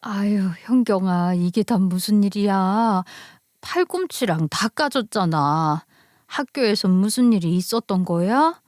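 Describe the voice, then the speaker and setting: A woman's voice: mid-range voice, lively intonation, unhurried, a little mellow, no echo, clean studio sound, lightly acted. Lady doing a stressed mom checking on her kid, anxious, fussy. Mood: worried. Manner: anxious, fussing. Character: worried working mother, fussing over her child.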